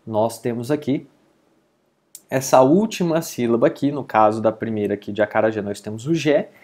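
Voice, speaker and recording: Brazilian man teaching a lively lesson. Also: mid-range voice, normal speed. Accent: Brazilian Portuguese. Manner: patient, explanatory, keeps checking in with listeners. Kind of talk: online grammar lesson.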